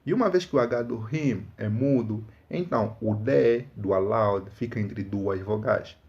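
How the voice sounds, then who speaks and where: A man gives an English lesson at an unhurried, deliberate pace. His voice carries a gravelly fry, and he repeats each word carefully for drilling. The sound is dull and a little lo-fi. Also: on the low side, a little mellow. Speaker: English teacher. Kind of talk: online language lesson.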